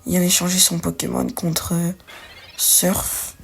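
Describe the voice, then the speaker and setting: A woman's voice: on the low side, slow pace, vocal fry, a little hiss or hum. Chatty young woman playing a card game. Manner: chatty, thinks aloud, slangy, self-correcting. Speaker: gaming video creator. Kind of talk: casual let's-play commentary. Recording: faint music behind.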